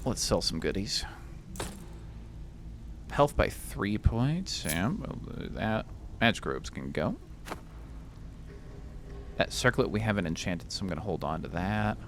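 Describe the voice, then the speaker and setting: A man's voice: lowish voice, expressive, unhurried, pauses often, slight background noise. A man giving let's play commentary with rambling, joking asides. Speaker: gamer.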